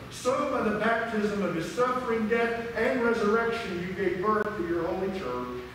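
A high-voiced older man leads church liturgy as a pastor, solemn and measured. His words ring out in a long cathedral echo, picked up from a distance. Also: fairly bright tone. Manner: solemn, measured, declaiming to a congregation. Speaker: pastor leading a Christmas Eve communion service. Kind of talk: liturgy and prayer led aloud. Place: large church sanctuary, indoors. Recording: echoing cathedral-like church reverb, distant microphone, faint noise.

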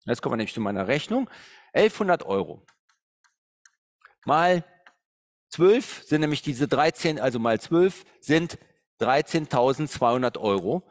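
A man's voice: mid-range voice, unhurried, pauses often. A middle-aged man coaching on real estate investment, telling stories and working through figures on slides while humming as he thinks. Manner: animated storytelling, thinking aloud with hums. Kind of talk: seminar talk with slides.

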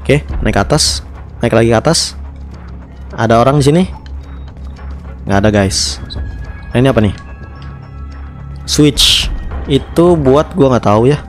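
Young male Indonesian game streamer, mid-pitched, chatty and repetitive, headset mic, music underneath. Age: young adult. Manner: chatty, repeats words in quick strings. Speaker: gaming streamer. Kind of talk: casual gameplay commentary. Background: video game music.

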